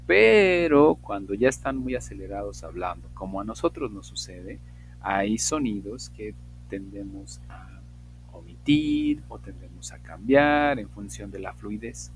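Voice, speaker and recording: A man teaching an English class online, patiently explaining and drawing out slow example questions. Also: lowish voice, lively intonation, slight background noise, poor audio.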